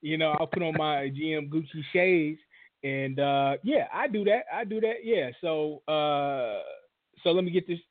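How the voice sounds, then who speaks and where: Wry, measured man on a thin line. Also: fairly high pitch, dry recording. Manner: measured, wry, thinks aloud with small restarts. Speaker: podcast co-host. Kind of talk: casual sports talk. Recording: dry, phone-like lo-fi audio.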